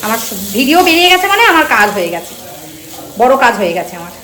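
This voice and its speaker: Talking fast and very animated, a middle-aged woman with a Kolkata Bengali accent from West Bengal addresses her viewers in a casual home vlog filmed in her kitchen. Her voice sits on the high side, with a bright, forceful tone, and she frequently repeats herself.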